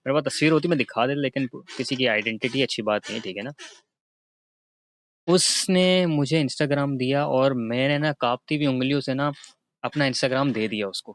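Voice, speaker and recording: A man's voice: medium pitch, dry recording. A young man from Karachi, telling a story to camera in a casual, chatty way and often tagging his lines with a check-in filler. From Karachi, Pakistan. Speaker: vlogger.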